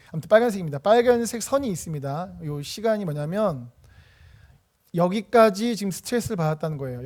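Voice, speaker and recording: A male pastor preaching a sermon, explaining step by step and acting out what parents say. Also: high-pitched. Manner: acts out parents' lines in lively voices.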